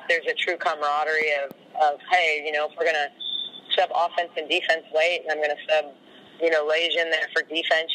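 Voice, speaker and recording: A woman's voice: low voice, sharp tone, a little hiss or hum, rough recording. A woman head coach answering questions in a post-game interview, rambling and full of "you know" fillers.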